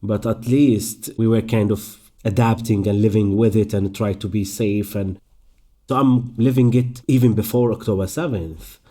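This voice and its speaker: A young man from Palestine speaks English with an Arabic accent, answering interview questions in a low, mellow voice. He talks thoughtfully, pausing and restarting as he works through his answers. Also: fairly even intonation. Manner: thoughtful, halting, many restarts. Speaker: actor and performer. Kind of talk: interview conversation.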